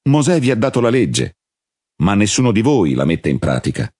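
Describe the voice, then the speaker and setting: A man reading the part of a calm, solemn male religious teacher in a measured, husky voice. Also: lowish voice, dry recording, studio quality.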